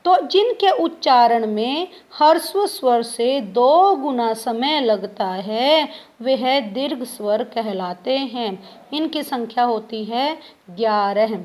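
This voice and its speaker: A woman's voice: fairly high pitch, animated, darkish tone. A woman teacher giving a grammar lesson to students, spelling out sounds one by one. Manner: slow, spells out sounds letter by letter.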